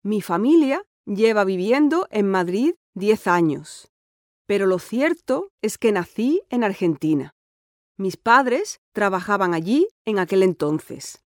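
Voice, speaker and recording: In a scripted exam listening dialogue, a woman plays the interviewee, a cheerful sporty sixteen-year-old schoolgirl who is eager, chatty and confident. She speaks slowly at medium pitch with big pitch swings and a darkish tone. The studio-quality audio has no echo.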